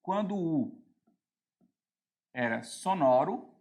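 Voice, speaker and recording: A man with a Brazilian Portuguese accent teaches an exam-prep grammar lesson, moving step by step and frequently checking that students are keeping up. His voice sits on the high side, with a darkish, expressive tone, and he speaks slowly.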